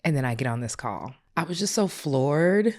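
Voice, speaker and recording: A woman with a very low, deep voice tells a personal story on her podcast. She talks casually and confessionally and uses slang. Her voice cracks with tears as she goes. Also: expressive, normal speed, a little mellow. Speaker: podcast host.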